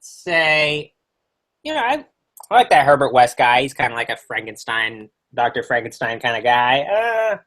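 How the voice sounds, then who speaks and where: A man's voice: mid-range voice, very animated, normal speed, a bit bright. Man as a cocky werewolf horror-host doctor, rambling and crude in a live interview. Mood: wry. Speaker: guest. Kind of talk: in-character livestream interview.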